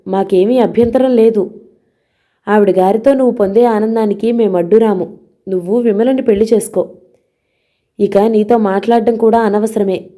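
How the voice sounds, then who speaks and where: A woman's voice: medium pitch, mellow, natural voice. A woman voicing a domineering middle-aged man who harshly scolds and threatens his younger brother in an audio novel.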